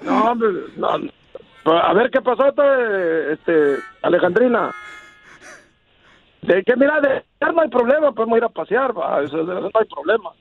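A man's voice: high voice, sing-song, moderate pace, gravelly. A Salvadoran man calling a radio show, chatting in a hesitant, repetitive, earnest way with mumbled diction. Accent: Salvadoran Spanish. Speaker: radio dating-show caller. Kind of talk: casual phone chat. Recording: muffled call, faint music behind.

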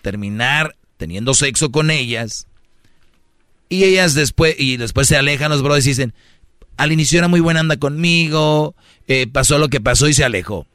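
A man's voice: fairly high pitch, moderate pace, fairly bright tone, smooth, no echo, studio quality. Slangy man ranting on radio. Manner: preachy, mocking, slangy. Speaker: radio host giving advice. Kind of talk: comedic radio advice rant.

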